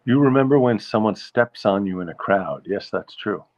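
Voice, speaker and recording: A man speaks at a moderate pace in a lowish, animated voice while hosting a casual stream. He reads viewer comments out and muses over them in a relaxed, wry manner, over dull lo-fi sound.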